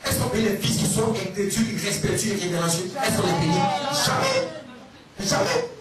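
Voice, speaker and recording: A man's voice: high-pitched, fast. A middle-aged male pastor preaching emphatically, firing questions at the congregation and sometimes slipping into a sing-song delivery. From Ivory Coast. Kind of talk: sermon. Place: large church hall. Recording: echoey, distant church sound with music. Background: music.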